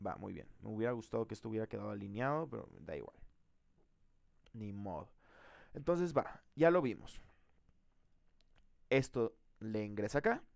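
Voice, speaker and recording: A man leads a live programming lesson, his voice carrying a gravelly edge. He thinks out loud and keeps checking in with the class through quick questions. The sound is dry and close. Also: on the low side, expressive, no room sound. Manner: thinks aloud, quizzes the class, frequent "¿va?". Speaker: programming teacher.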